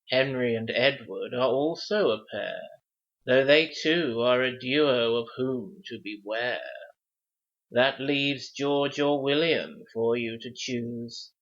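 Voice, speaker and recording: An actor playing a formal, teasing wizard who speaks measured riddles in a fantasy adventure drama. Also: male voice, mid-range voice, fairly bright tone, highs cut off.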